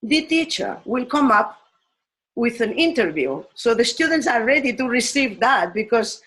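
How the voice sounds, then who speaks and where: A woman from Spain, a teacher giving a slow, thoughtful talk on education, pausing often and restarting her phrases. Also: a little high, lively intonation, a bit bright, poor audio. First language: Spanish.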